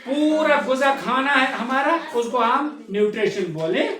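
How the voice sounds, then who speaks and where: A man's voice: very high-pitched, lively intonation, a little slow, fairly bright tone. A male science teacher lectures a class, repeating key words and prompting students to say them back. He is recorded from across an echoey room, his voice distant and reverberant.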